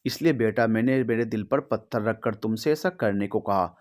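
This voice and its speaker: A man with a fairly low voice voicing a stern but loving middle-aged mother in a read-aloud story, speaking earnestly and with some pleading. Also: normal speed, darkish tone, lightly acted. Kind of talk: storybook reading.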